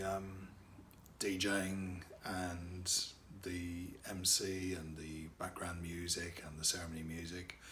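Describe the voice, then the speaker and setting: A low, somewhat bright man's voice comes with slight background noise. The speaker is a middle-aged wedding DJ and MC whose first language is French, talking loosely about what he does, with lots of fillers and repeated words.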